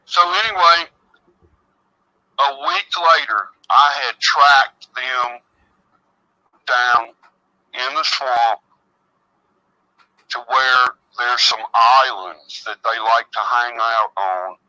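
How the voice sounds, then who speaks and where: A man's voice: medium pitch, slow, long pauses, sharp tone, dry recording. A man telling his story over a cell phone held up to a microphone, rambling with stammered restarts. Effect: muffled cell phone audio held to a mic. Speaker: call-in guest. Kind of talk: storytelling first-hand encounter. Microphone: cell phone placed next to host's microphone. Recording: dull lo-fi phone sound, dry.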